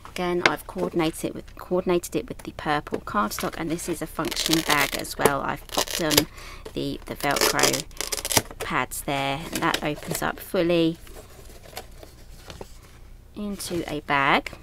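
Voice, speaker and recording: A woman's voice: deep voice, unhurried, creaky, very noisy. A woman from southern England, born in Yorkshire, casually showing off her new craft designs in a chatty, enthusiastic, rambling way. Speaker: craft designer presenting a product launch. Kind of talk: casual product showcase.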